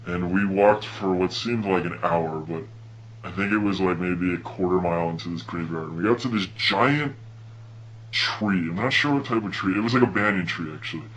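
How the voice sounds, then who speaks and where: A young man from Hawaii telling a personal story in a laid-back, slangy, animated way. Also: sits low, moderate pace, poor audio. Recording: noticeable hum and background noise.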